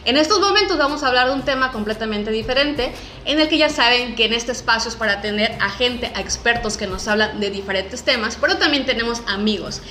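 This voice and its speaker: A Mexican woman hosts a podcast in a chatty, emphatic style. Her voice is bright and forceful and a bit high. It rings in an echoey room. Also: expressive, brisk, a little hiss or hum. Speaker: podcast host. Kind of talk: upbeat presenting and interviewing.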